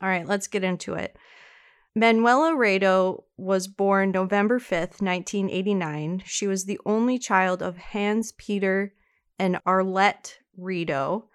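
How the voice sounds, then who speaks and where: A woman co-hosting a casual true-crime podcast, chatty, telling the story with quick asides. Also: medium pitch, clear, resonant tone. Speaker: podcast co-host.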